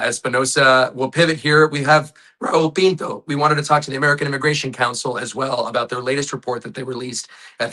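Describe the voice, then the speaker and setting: A man with a hoarse, raspy voice hosting a live online news show, casual and friendly with his guests. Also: medium pitch, pushed and bright.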